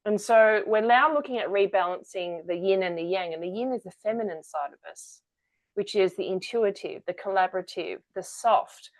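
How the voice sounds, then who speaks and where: A woman who founded an energy-work practice appears as a guest in a conversational interview, candidly telling her story. Her voice is medium-pitched and moves at a moderate pace.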